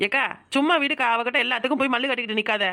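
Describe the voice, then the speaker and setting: A woman's voice: on the high side, very fast, pushed and bright. A woman voicing an offended woman guest from the neighborhood in a Tamil cartoon. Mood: resentful. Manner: grumbling, resentful.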